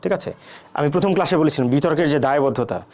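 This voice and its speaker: Man lecturing, fairly high voice. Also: fast talker. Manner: asks questions and answers them himself; frequent "thik ache" and "ah" fillers. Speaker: debate teacher. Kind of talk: classroom lecture.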